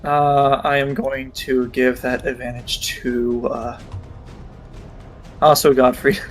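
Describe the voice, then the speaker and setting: Tabletop game player, slow pace, casual, medium pitch. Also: flat delivery, faint music behind.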